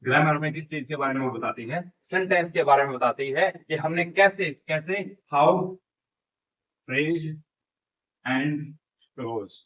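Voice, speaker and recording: Teaching grammar, this man explains in Hindi mixed with terms, raising his own questions and then answering them. Key phrases get dictated slowly, word by word. His voice leans high and a little bright, captured on a rough recording.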